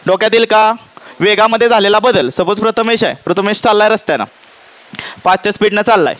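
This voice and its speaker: High-voiced man teaching a class. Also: fast, a bit bright, no echo. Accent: Marathi. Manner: questioning, checks understanding often; mixes English terms into Marathi. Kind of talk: classroom physics lecture.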